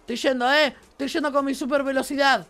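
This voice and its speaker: A young man with a Rioplatense accent chatting playfully and excitably over gameplay. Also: very high voice, fast talker, soft background music. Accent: Rioplatense Spanish. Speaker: gamer in a duo gameplay video. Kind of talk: casual gameplay commentary.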